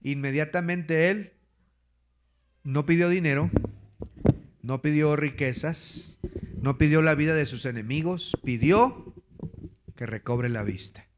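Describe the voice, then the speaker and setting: Emphatic preacher, a man with a high-pitched voice. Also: takes it slowly, pauses often, noisy background. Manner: emphatic, addresses listeners as brothers; reads scripture aloud and comments on it. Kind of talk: sermon.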